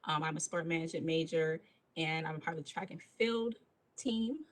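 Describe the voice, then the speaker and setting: A woman's voice: low-pitched, fairly quick, low-quality recording. A young woman from Buffalo, New York, giving a hesitant student campaign speech full of ums. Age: young adult. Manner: hesitant, many fillers. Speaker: student candidate.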